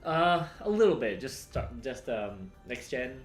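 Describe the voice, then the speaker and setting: A man's voice: mid-range voice, sing-song, a little slow, soft background music. Laid-back man chatting in an echoey room. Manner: rambling, laid-back, swears casually. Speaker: co-host. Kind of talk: casual chat while drawing.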